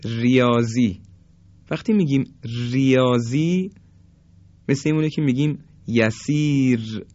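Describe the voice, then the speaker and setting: Man teaching tajweed with drawn-out examples. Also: medium pitch, darkish tone, dry recording. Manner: drawn-out demonstrations of sounds. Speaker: Quran recitation teacher. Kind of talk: tajweed lesson. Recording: dull, dry lo-fi recording.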